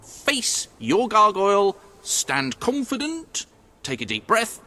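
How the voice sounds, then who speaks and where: A gushing, eccentric gargoyle fanatic who swings wildly up and down in a high, bright voice. He is theatrical and fussy, and he bursts with glee. This is video game character acting. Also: huge pitch swings, takes it slowly, heavily acted. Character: giddy eccentric male gargoyle enthusiast.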